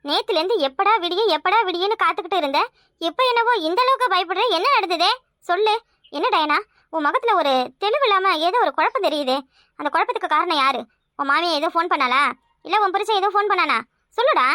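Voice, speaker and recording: A woman voicing a bossy, scheming village mother in a cartoon, with a Kanyakumari Tamil accent, scolding loudly and doting in turns. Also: very high voice, animated, fast talker, dry recording, studio quality, heavily acted. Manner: loud, scolding yet doting.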